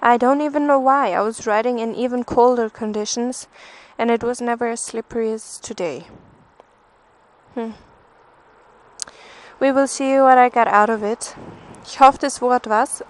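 A woman's voice: a little high, steady tone, a little slow, slight background noise. A young woman, chatting casually and self-mockingly into her helmet camera as a motovlogger. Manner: giggly, self-mocking, switches between German and English. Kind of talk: casual helmet-cam vlog chat. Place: on a motorbike outdoors, then indoors in a garage. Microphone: helmet-mounted camera mic.

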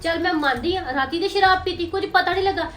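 A woman's voice: extremely high pitch, fast talker. An actress playing a young wife upset with her drinking husband, speaking in an indignant, pleading way. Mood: aggrieved. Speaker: actor. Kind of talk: family drama acting. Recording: echoey room with music underneath.

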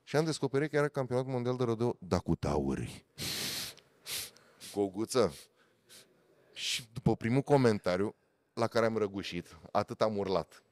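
A man, a motorsport commentator telling animated stories in a casual podcast chat. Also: pauses often, no echo. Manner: animated storyteller, swings loud and high for emphasis.

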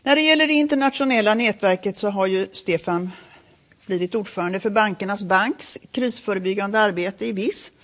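A woman chairing a board, reading a prepared statement at a press conference in a formal, measured way with occasional self-corrections. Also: mid-range voice, fairly bright tone.

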